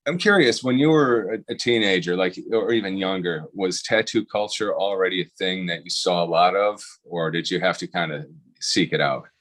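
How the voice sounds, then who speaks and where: A man hosting a casual video-call interview, talking haltingly with lots of fillers and restarts. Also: low voice, a bit bright. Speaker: host.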